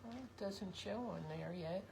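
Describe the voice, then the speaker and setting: A woman's voice: mid-range voice, normal speed, creaky, darkish tone, a little hiss or hum, low-quality recording. A woman co-hosting a casual live craft stream from a basement room. She rambles in a chatty way, teases her husband, and her voice is slightly giving out. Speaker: craft show co-host. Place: basement tavern room of a house.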